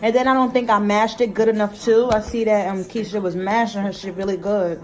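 A woman's voice: mid-range voice, fairly even intonation, fairly quick, low-quality recording. Chatty young woman vlogging while she eats. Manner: chatty and slangy, talking while eating. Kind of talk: casual mukbang vlog chat. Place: small room at home. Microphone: phone at arm's length.

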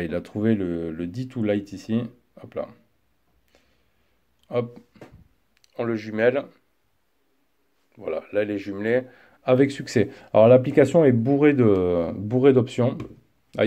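A man talks through a gadget unboxing at his desk, easygoing and chatty, with frequent fillers as he goes. His voice sits at a middle pitch with a mellow, unforced tone. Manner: relaxed, chatty, many fillers. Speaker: tech reviewer. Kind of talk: product unboxing review. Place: indoor desk setup.

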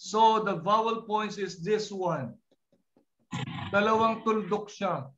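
Slow, high-voiced Filipino man teaching. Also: a bit bright, lo-fi sound. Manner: drills pronunciation, repeats each word slowly. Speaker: Hebrew teacher. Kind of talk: online class teaching. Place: online video call class.

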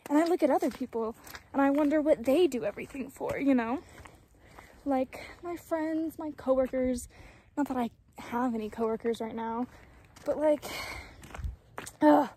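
A twenty-year-old woman muses aloud in a dry mountain meadow, vlogging on a phone she holds at arm's length and later leaves propped on the ground. Her casual, reflective talk is rambling, self-mocking and full of swearing, delivered in a warm, high-pitched voice at a moderate pace with frequent pauses. There is slight background noise.

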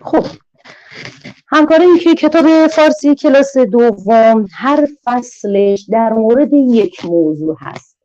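A woman giving an online teacher-training lecture, drawing words out slowly in a sing-song teaching manner. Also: on the high side, lively intonation, mellow, lo-fi sound. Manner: slow, sing-song, drawn-out teaching delivery.

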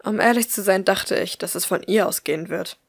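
A woman voicing a calm, gentle teenage boy who speaks quietly and tenderly, in an audiobook reading. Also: medium pitch, a little fast, creaky.

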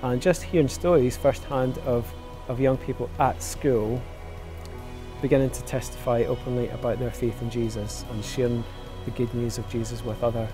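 A man's voice: mid-range voice, steady tone, normal speed, over music. A man, a church leader, speaking earnestly with some restarts. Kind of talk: documentary interview.

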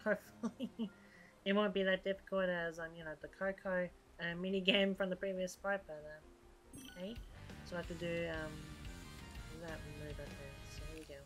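A woman hosting a let's play, giving excitable gameplay commentary with frustrated outbursts and laughter. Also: mid-range voice. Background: faint game music.

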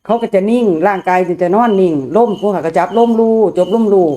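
Isan woman, quick and deferential, middle pitch. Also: dark tone. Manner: deferential, fast earnest speech. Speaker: lay follower.

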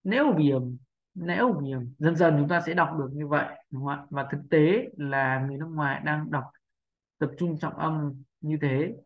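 A man's voice: fairly high pitch, fairly even intonation, moderate pace. A man teaching English pronunciation in a patient, explanatory way, often checking in with his listeners. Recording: muffled lo-fi recording.

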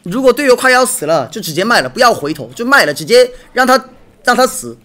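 Young guy streamer, pretty high voice that jumps all over, excitable, keeps thanking viewers for gifts. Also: fast. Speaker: game streamer. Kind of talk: casual livestream chat watching a match.

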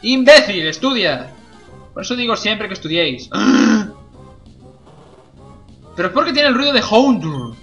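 A young man cracks jokes and swears freely as he comments on his game. His voice sits high and bright and swings about a lot. Game music plays faintly behind him. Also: sing-song, takes it slowly, long pauses, highs cut off. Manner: jokey, swears a lot, laughs at own jokes. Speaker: gameplay commentator. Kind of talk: casual let's play commentary.

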